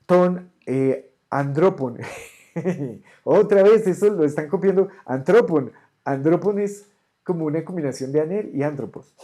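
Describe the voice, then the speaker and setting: A teacher giving an online ancient Greek grammar lesson, patiently correcting homework and sounding out Greek words slowly. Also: medium pitch, mellow. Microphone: camera on a desk.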